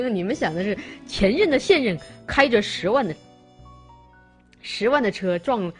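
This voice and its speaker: A playful woman hosting a livestream. She teases her viewers and reads out their messages, and her pitch swings widely from high to low. Soft music plays faintly behind her. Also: animated, unhurried. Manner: playful and teasing, stammers and restarts. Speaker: livestream host. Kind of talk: casual chat with viewers.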